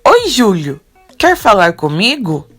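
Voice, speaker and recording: Calm helpful young man, read by a woman. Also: medium pitch, takes it slowly, faint music behind, voice pushed up, exaggerated voice. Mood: reassuring.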